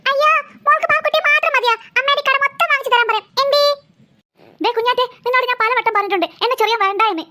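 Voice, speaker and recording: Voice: extremely high pitch, very fast, bright, forceful tone, heavily acted. A performer voicing a teasing older sister who mocks her little sister. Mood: snippy. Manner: snippy, teasing.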